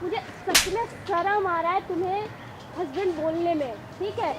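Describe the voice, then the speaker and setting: A woman's voice: extremely high pitch, moderate pace, noisy background. An actress playing an angry wife who confronts and scolds her cheating husband. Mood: threatening. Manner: scolding, accusing, repeats "shame on you". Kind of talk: Hindi short-film acting. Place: outdoors in a town.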